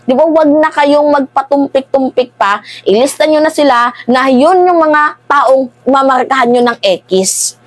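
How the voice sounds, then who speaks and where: Woman political vlogger, chatty and animated, slightly higher voice, dry close recording. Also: measured pace, no echo. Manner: conversational, animated, keeps asking "di ba?" and addressing "guys". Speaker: political commentator. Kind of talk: casual political commentary.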